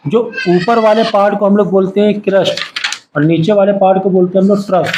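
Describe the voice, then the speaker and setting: High-voiced male teacher quizzing a class. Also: steady tone, brisk, noisy background. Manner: quizzes students with repeated call-and-response questions. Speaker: science teacher. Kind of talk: classroom lecture. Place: classroom with students.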